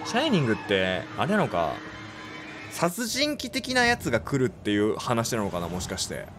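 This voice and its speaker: Excitable man commentating a horror game. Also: medium pitch, music in the background. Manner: chatty, quick reactions and exclamations. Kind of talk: casual horror game let's play commentary.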